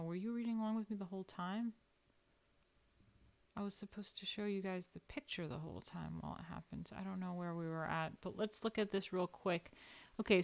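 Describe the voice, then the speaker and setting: On a casual livestream, a woman with a New York accent reads an art history book aloud to viewers, pausing for wry personal asides. Her voice is mid-range and a bit bright.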